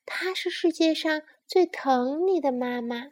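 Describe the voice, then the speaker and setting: A woman voicing a small, timid, sympathetic sparrow in a children's story, speaking softly and pleadingly. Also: sits high, a little slow, voice pushed up.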